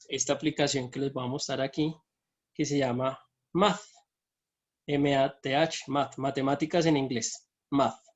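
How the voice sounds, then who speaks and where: A man's voice: on the high side, a bit bright. A man teaching an online math lesson from his computer, explaining each step and checking in with his students.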